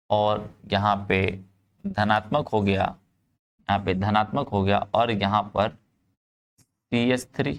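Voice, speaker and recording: A male chemistry teacher speaking, giving a live online class, often repeating himself to urge students to answer quickly and calling them "kids". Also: on the low side. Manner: calls students "bachcha" and "bhai".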